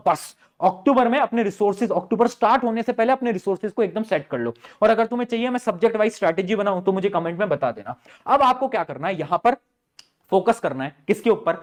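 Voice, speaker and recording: High-voiced man coaching students. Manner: coaxing, asks rhetorical questions and answers them; calls students "beta", informal and direct. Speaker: teacher. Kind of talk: study-planning advice to students.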